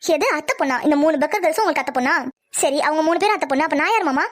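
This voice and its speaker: Brief: a whiny, scheming girl in a cartoon, very high and rattling fast, as a woman voices her. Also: natural voice. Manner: whiny, sarcastic. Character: spoiled scheming young woman, jealous and spiteful. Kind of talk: cartoon dub acting.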